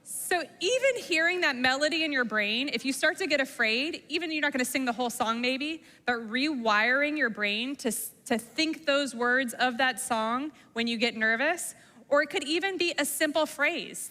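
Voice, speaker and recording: A woman's voice: sits high, bright, forceful tone. A woman talking to a middle school class, drawing them in with questions and simple examples. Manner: engaging, asks the class questions. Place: school room or hall, long echo. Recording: reverberant hall sound.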